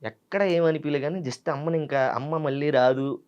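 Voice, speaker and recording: A man's voice: a little high, normal speed, clear, resonant tone, lo-fi sound. A young man with a Telangana Telugu accent, a guest earnestly telling his childhood story in an interview. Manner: earnest, quotes family dialogue, grows animated at the twist. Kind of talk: emotional personal storytelling.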